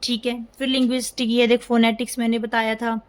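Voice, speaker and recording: A woman teacher with a slightly high voice, walking through exam-prep material. She repeats the key terms and keeps asking questions that she answers herself. The sound is dry and close, with no room echo. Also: level tone, fairly quick. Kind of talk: exam-prep lecture, Hindi mixed with English.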